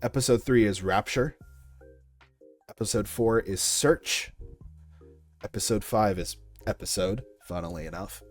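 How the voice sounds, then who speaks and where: A young man, the creator of a series, takes interview questions about his project in a relaxed, chatty, informal manner. His voice sits on the low side, unhurried with long pauses, and faint music can be heard behind it.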